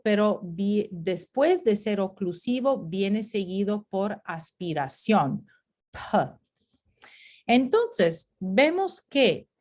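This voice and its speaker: A woman giving a recorded slide lecture, slow and deliberate, repeating single consonant sounds for practice and moving between Spanish and English. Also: mid-range voice, a little mellow. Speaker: teacher.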